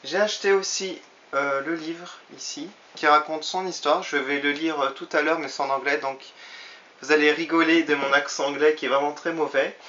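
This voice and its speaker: Male toy reviewer, fairly high voice, chatty and hesitant, muffled lo-fi camera mic. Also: steady tone, moderate pace, sharp tone. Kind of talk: casual product review. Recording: slightly dull lo-fi recording.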